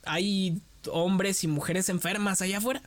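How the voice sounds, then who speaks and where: A man's voice: high voice, normal speed. A young man co-hosting a casual chat, telling stories with lots of energy and acting out the voices of the people he quotes. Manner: lively storytelling, acts out quoted voices.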